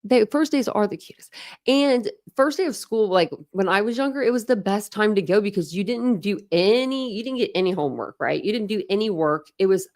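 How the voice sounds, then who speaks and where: A livestream host from Ohio, this woman chats casually with her viewers in a Midwestern accent, rambling, restarting, and saying "like" a lot. Her mid-range voice is brisk and darkish, with lively intonation.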